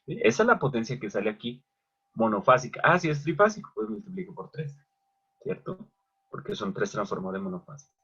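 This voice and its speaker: Man, teacher, husky voice, muffled lo-fi sound, asks questions and answers them himself. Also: medium pitch, big pitch swings, brisk, sharp tone. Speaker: electrical machines teacher. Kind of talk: online lecture at a whiteboard. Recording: dull lo-fi recording.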